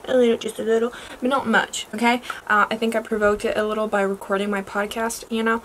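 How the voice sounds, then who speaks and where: A woman's voice: fairly high pitch, little pitch movement, fast talker, fairly bright tone, a little hiss or hum, poor audio. A young woman casually narrating and chatting in a personal vlog. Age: young adult. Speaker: vlogger.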